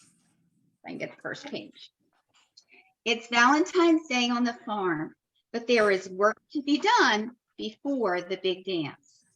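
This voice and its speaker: Slow storybook-reading woman teacher. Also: fairly high pitch, lo-fi sound. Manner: slow, expressive storytelling with asides to children. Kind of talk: picture book read-aloud for young children.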